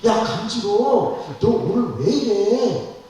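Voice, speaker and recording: A man doing a gruff, bossy husband. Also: mid-range voice, slow pace, a little mellow, lightly acted. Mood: baffled. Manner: rough, bossy, raised voice. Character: gruff bewildered middle-aged husband. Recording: echoey church hall from far off.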